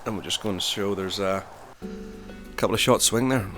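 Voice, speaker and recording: A man's voice: lowish voice, moderate pace, a bit bright, soft background music. A man giving conversational golf-style commentary as a co-commentator at a disc golf tournament.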